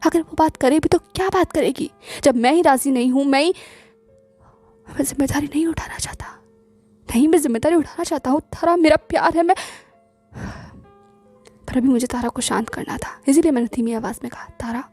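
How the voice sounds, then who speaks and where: A woman narrating a romantic story in the first person in a soft, hushed, intimate way. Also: high voice, brisk, long pauses. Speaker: audiobook narrator. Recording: faint background music.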